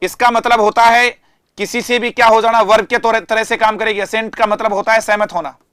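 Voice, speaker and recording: A man teaching English vocabulary in an online class, explaining in Hindi and reading English example sentences slowly with stress, often asking the students questions and answering them himself. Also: high-pitched, fairly even intonation, a bit bright, clear, resonant tone, dry recording. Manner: addresses students directly, asks and answers himself.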